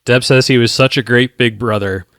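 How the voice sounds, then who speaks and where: A man's voice: medium pitch, fairly even intonation, a bit bright, clear, resonant tone, no echo, clean studio sound. A man co-hosting a podcast, casually and sarcastically summing up the plot of a TV episode. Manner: sarcastic, recaps plot in quick summaries. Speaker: podcast co-host recapping episodes. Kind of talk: casual chat.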